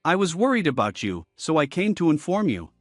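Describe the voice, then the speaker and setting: A man's voice: on the high side, very animated, a little fast, dry recording. A man voicing a timid, fretful town god. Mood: earnest. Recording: dry with faint music.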